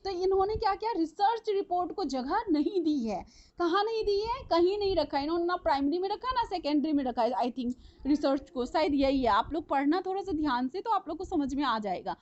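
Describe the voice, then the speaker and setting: A woman's voice: extremely high pitch, lively intonation, brisk, darkish tone, lo-fi sound. A woman teaching a live online class, chatty and repetitive, often checking that her students are following.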